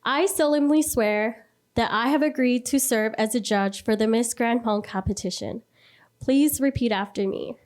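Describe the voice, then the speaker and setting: Female official, higher register, formal oath recitation. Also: moderate pace, a little mellow.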